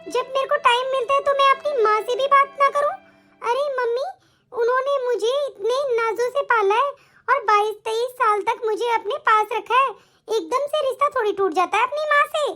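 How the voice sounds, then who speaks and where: A worried young bride from a cartoon story, pleading and close to tears, as a woman plays her. The voice is squeaky and very high. Faint music sits behind her. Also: normal speed, sharp tone. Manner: pleading, emotional, tearful at times. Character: anxious young newlywed bride.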